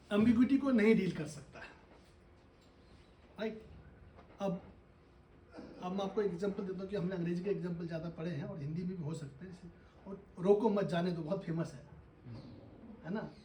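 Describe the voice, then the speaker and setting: A man's voice: sits high, mellow. A man, a university professor, giving a lecture and explaining ideas with everyday examples, often checking in with his listeners. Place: lecture hall. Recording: echoey hall, voice from a distance.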